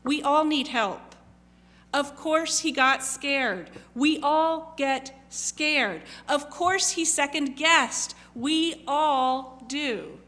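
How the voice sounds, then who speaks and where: A woman's voice: sits high, drawn-out words, pushed and bright. A woman pastor preaching a reflective sermon, asking many questions and acting out the quoted lines. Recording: long reverb of a large hall.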